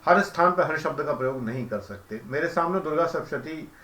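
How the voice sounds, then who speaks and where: A man giving a calm, explanatory devotional lecture as a spiritual teacher, who chants mantras slowly. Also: a little high, reverberant.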